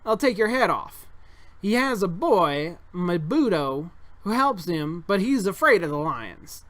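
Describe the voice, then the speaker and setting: A man's voice: high-pitched, sing-song, slow pace, sharp tone, voice pushed up, full character voice. A man reading a board game aloud, voicing a boastful middle-aged male circus owner in a folksy, bragging put-on accent.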